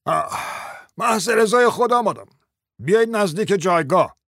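A man's voice: on the high side, dry recording, clean studio sound, lightly acted. A man voicing an irritable, sarcastic male judge who grumbles his lines in a raised voice. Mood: grumbling.

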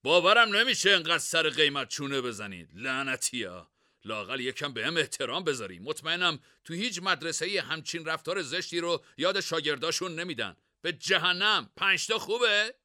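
A man voicing a cheeky, greedy young man who haggles loudly. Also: on the high side, animated, no echo, studio quality. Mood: indignant. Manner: loud, bargaining, indignant.

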